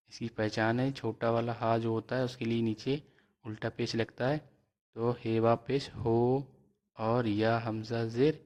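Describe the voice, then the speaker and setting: A man teaching a reading lesson, spelling out letters and vowel marks slowly and then blending them into words. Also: medium pitch.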